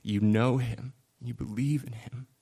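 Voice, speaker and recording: A man preaching a sermon in an earnest, confessional way, building from quiet reflection to impassioned emphasis. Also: medium pitch, steady tone, unhurried, vocal fry, husky.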